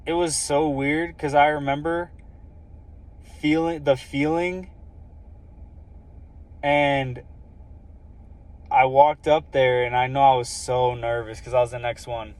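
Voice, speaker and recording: A man's voice: medium pitch, steady tone, slow, long pauses, a little mellow. A young man casually telling a personal story in an earnest, rambling way, full of "like" and "um" fillers. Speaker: vlogger sharing a personal story.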